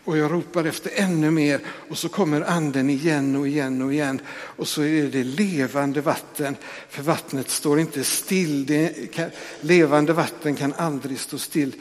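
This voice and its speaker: A pastor giving a conversational sermon in a church, with frequent tag questions and restarts. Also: male voice, a little high, fairly even intonation, long reverb tail.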